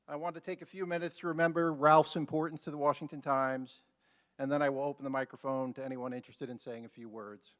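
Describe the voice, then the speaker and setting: A man, a newspaper editor, giving a measured and formal eulogy at a memorial service, with a dry joke. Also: medium pitch. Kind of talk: memorial speech.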